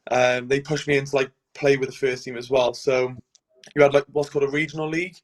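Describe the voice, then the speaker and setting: Speaking fast at a medium pitch, a twenty-something goalkeeper from Cardiff, Wales, fields interview questions as a guest. His manner is easygoing, full of "um"s and "and stuff."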